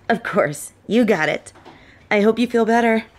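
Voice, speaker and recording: A polite office assistant played by a woman talks at an unhurried pace in an audio role-play. She is deferential and eager to help her boss. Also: on the high side, darkish tone. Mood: polite, helpful. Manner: deferential, helpful.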